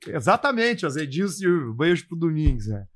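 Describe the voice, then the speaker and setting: A man's voice: on the high side, big pitch swings, a little fast. A man, co-hosting a comedy podcast and making emphatic, exclamatory jokes. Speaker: podcast co-host. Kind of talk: comic banter.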